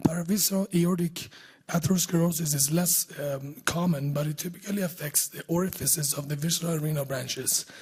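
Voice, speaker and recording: Hoarse man, voice giving out. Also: fairly high pitch, darkish tone. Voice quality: husky voice giving out. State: hoarse, losing his voice. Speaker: surgeon presenting research at a medical conference. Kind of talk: scripted scientific presentation. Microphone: speaking close to a podium microphone.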